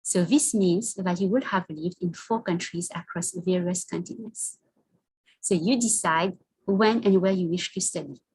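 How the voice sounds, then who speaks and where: A woman presenting an online information session, talking through slides in a prepared, steady manner. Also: on the low side, measured pace, breathy edge, poor audio. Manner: scripted, calls for the next slide.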